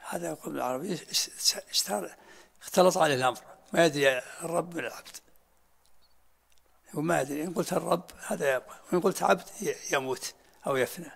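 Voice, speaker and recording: A man's voice: fairly high pitch, fast talker, gravelly, fairly bright tone, slightly rough. An older man teaching a religious lesson in short, repeated phrases and answering students' questions.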